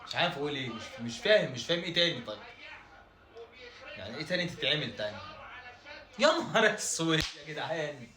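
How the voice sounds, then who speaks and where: Excitable Egyptian man reacting to football. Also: fairly high pitch, fast, long pauses, crowd noise. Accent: Egyptian Arabic. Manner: exclaiming, exasperated, shouting at players. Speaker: football fan reacting to a match. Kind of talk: excited live reaction commentary.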